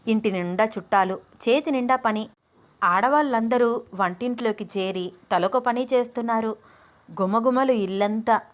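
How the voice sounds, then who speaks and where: A woman tells a romance story aloud, her voice sitting a little high. She keeps the narration lively and takes on every character's lines herself. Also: normal speed.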